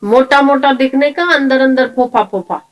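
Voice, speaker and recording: Flattering, eager-to-please servant, played by a woman preacher; bright, sing-song. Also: sits high, moderate pace, highs cut off, pitched above the performer's own voice, close to an everyday voice.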